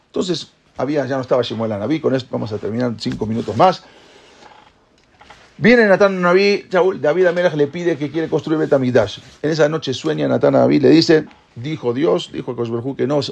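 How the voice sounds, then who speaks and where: A man teaching a Torah class, retelling the story in a lively way and acting out the characters' voices. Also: mid-range voice, vocal fry, husky. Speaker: religious teacher.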